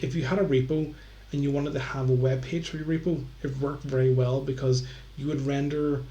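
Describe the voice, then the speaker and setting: A man's voice: medium pitch, warm tone. A very drunk man rambles casually as he hosts a live stream, swearing and stumbling over his words. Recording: roomy, echoey room sound.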